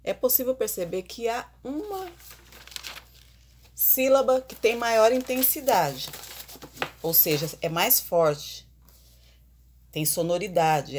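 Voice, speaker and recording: A woman teacher giving an online grammar lesson, explaining slowly and putting questions to the class. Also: fairly low pitch, a little mellow.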